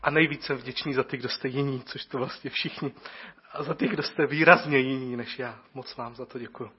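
A man preaching in a church with a husky, breathy voice, earnest and reflective, rising to emphatic lines and then dropping almost to a murmur. The recording is muffled and a little dull. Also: fairly even intonation. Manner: earnest, reflective, shifting from raised emphasis to soft low passages. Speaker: pastor. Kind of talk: farewell sermon.

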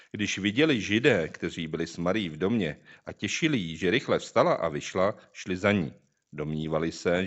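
A man's voice: deep voice, dull audio. A man reading a scripture passage aloud and then preaching on it, drawing listeners in with rhetorical questions.

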